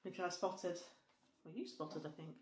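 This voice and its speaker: A woman's voice: lowish voice, a little slow, reverberant, a little hiss or hum. A woman co-hosting a casual vlog, chatting and reading recipes out aloud. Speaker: vlog co-host. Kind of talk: casual chat.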